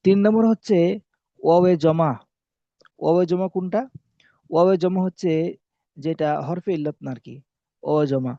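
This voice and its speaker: A man's voice: on the high side, a little fast, long pauses, no echo. A man teaching Arabic spelling rules in a classroom-style lesson, repeating key points and asking and answering his own questions. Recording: dull lo-fi recording.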